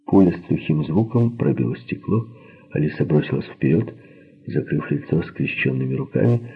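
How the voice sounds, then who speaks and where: A man narrating an audiobook thriller with a husky, gravelly voice. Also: rumbling low, expressive, normal speed. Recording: narrow phone-like sound.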